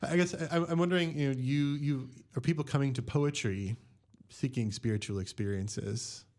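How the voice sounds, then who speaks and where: A man hosting a podcast interview, posing long, deliberate questions in a measured way. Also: mid-range voice, a little mellow. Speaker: podcast host.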